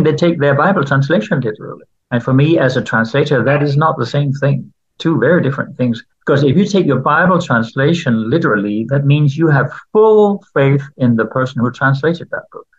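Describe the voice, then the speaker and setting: A native Danish speaker from Denmark, a man with a medium-pitched, husky voice, answers interview questions about the Bible as a translator. He sounds thoughtful and questioning, uses frequent fillers, and the audio has its highs cut off.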